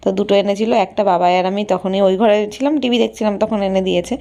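Chatty gravelly woman vlogging at home. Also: mid-range voice, steady tone, very fast, mellow. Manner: chatty, rambling, many fillers. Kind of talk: casual home vlog narration. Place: home kitchen and bedroom.

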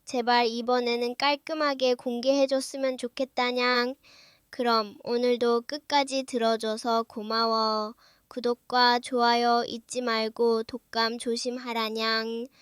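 A woman's voice: on the high side, level tone, measured pace, a bit bright, clean tone, no echo, studio quality. A woman hosting a video with scripted, casual narration, speaking in a cutesy cat-like way with "nya" sentence endings. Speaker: video host.

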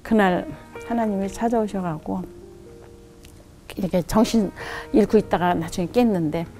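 A woman's voice: moderate pace, faint music behind. A middle-aged woman giving a heartfelt personal testimony as a missionary guest in a studio, earnestly retelling her story. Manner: earnest and heartfelt, quotes God in a lowered softer voice.

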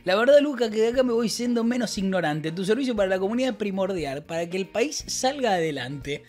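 A man's voice: high-pitched, animated, brisk, darkish tone, faint music behind. A man with an Argentine accent chatting casually on a stream, reading out messages and rambling with crude, joking banter. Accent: Argentine Spanish.

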